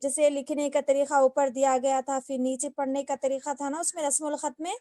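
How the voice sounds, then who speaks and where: High-voiced woman teaching a recitation class. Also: little pitch movement, fairly quick, warm tone, no room sound, studio quality. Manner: patient, explains step by step with repeated questions. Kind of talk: online class lesson. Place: online class.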